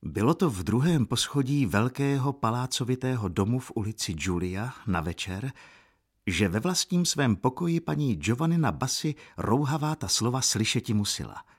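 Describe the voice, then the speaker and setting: A man narrating a story in a measured, unhurried way. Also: medium pitch, sing-song, breathy edge. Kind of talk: audiobook narration.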